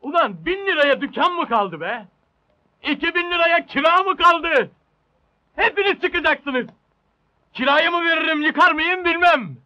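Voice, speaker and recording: An actor playing a taunting, domineering landlord who threatens tenants in a comedy film. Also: male voice, extremely high pitch, lively intonation, measured pace, bright, forceful tone, dull audio, exaggerated voice. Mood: gloating, menacing. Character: gloating, threatening landlord bullying his tenants. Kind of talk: Turkish comedy film acting.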